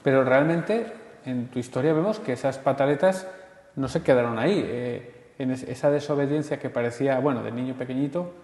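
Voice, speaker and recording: A man's voice: mid-range voice, fairly quick, darkish tone. A man interviewing a guest, thinking aloud reflectively and checking in as he leads into questions. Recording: roomy, reverberant hall.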